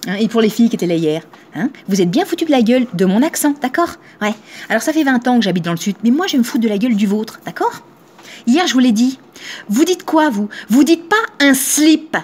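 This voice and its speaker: A woman's voice: fairly high pitch, sing-song, fast, a little mellow, slightly rough. A woman in her thirties, a shop owner, talking casually to camera in a chatty, teasing way and acting out the voices she quotes. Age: 30s.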